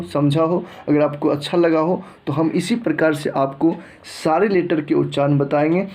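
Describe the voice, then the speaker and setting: A man's voice: a little high, darkish tone. A man teaching English letter pronunciation, reading word lists one by one and often restarting his phrases. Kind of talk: explaining a lesson.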